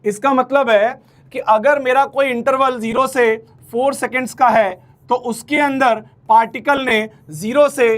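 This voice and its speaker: A man's voice: very high voice, fairly even intonation, unhurried, fairly bright tone. A man teaching physics in an online exam-prep lecture, coaxing and familiar, repeating key phrases and speaking.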